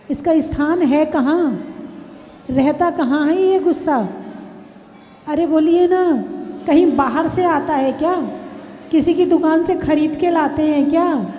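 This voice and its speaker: A high-pitched woman preaching a sermon, speaking slowly with a mellow tone. She keeps asking her listeners questions and presses them to reply. Her voice carries long reverb from a large hall, with faint noise behind. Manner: asks the audience questions and urges them to answer; acts out quoted household speech. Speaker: Jain nun preacher. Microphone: microphone with added echo.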